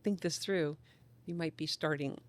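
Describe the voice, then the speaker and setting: A woman who works as a child psychologist chats on a casual podcast, speaking at normal speed in a deep voice. She's an enthusiastic, animated storyteller who performs the voices of the people she quotes.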